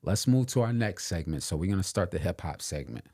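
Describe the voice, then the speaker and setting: Deep-voiced opinionated podcast co-host man. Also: animated, brisk, dark tone. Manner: opinionated, emphatic, repeats points for weight. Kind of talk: casual political and hip hop chat.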